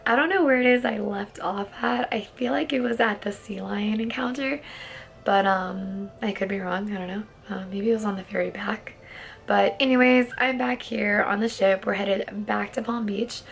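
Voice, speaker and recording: A woman vlogger chatting casually to her camera, her voice hoarse and nearly gone, rambling with fillers. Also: mid-range voice, normal speed. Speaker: travel vlogger. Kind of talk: casual vlog chat. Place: cruise ship cabin and outdoors.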